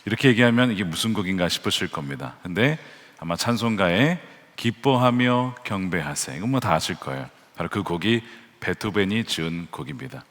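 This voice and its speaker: Male pastor, lowish voice, earnest sermon delivery, long church-hall reverb. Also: expressive, brisk, fairly bright tone. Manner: earnest preaching, rising to fervent emphasis when quoting scripture. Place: large church sanctuary.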